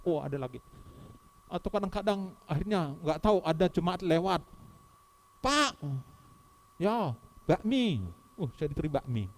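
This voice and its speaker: High-voiced man preaching a sermon. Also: fast talker. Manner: emphatic, swings between soft asides and loud exhortation. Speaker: pastor.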